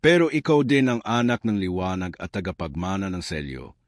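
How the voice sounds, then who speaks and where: A man's voice: deep voice, a little fast, dry recording, clean studio sound, natural voice. A man voicing an ancient Shokoy creature who mentors a young man, solemn and foreboding, in a spoken horror story.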